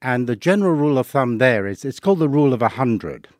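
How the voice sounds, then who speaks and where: A middle-aged man from Hong Kong appears as an investing guest on a finance podcast interview, patiently explaining rules of thumb with worked examples. His medium-pitched, darkish voice swings widely in pitch and he talks fast. The recording is dry, with clean studio sound.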